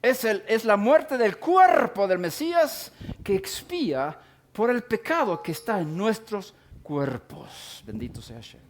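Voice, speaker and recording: A middle-aged man teaching a sermon-style Bible lesson, speaking deliberately and pausing to define and repeat key words. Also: high voice, big pitch swings.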